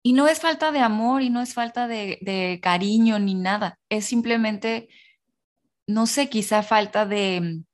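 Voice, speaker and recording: A woman's voice: mid-range voice, unhurried. A woman hosting a podcast interview, asking empathetic follow-up questions. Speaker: host. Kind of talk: conversational interview.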